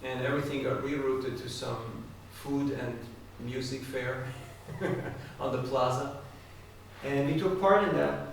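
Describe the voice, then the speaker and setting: A man delivers a devotional talk to a live audience at a slow pace, his mid-range voice fairly even in intonation and touched with vocal fry. He chats with listeners and asks them direct questions, picked up by a distant mic in an echoey hall with faint noise.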